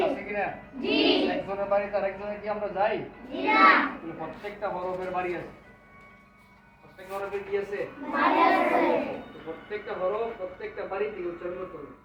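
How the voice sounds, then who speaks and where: A man teaching a class of children, asking them questions again and again and repeating key words. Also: high-pitched. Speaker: teacher of Quran recitation. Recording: echoey room, distant mic, dull, noisy.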